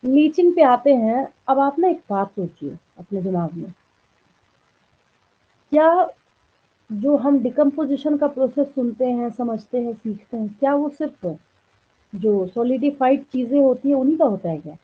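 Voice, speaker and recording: Woman teacher, husky voice, fairly high pitch, slow dictation, tinny phone-like audio. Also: expressive. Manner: explains slowly, dictates notes word by word, checks in often. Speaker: biology teacher. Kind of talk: classroom lecture.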